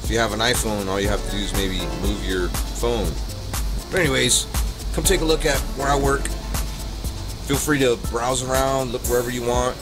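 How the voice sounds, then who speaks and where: A man's voice: medium pitch, moderate pace. Chatty man vlogging in a roomy salon. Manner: loose, chatty, rambling with fillers. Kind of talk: casual vlog talk to camera. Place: hair salon, indoors. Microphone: 360 camera built-in mic. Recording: roomy salon sound with music behind.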